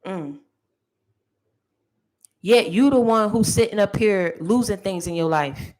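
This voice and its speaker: A woman's voice: mid-range voice, slow pace, a little mellow, poor audio. A woman giving a motivational monologue to camera, sassy and preachy, talking straight at her critics. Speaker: motivational speaker.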